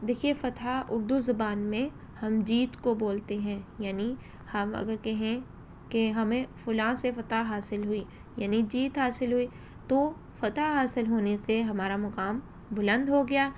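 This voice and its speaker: A woman teaching a tajweed lesson, slowing down to demonstrate each vowel sound with care. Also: fairly high pitch, steady tone, darkish tone, slight background noise. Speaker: Quran recitation teacher.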